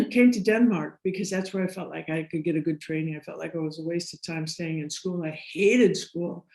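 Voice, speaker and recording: This middle-aged woman from the United States speaks in a fairly low, gravelly yet warm voice at a moderate pace. As a guest on a podcast, she tells stories in a casual, rambling way, often laughing and restarting, with a roomy echo around her.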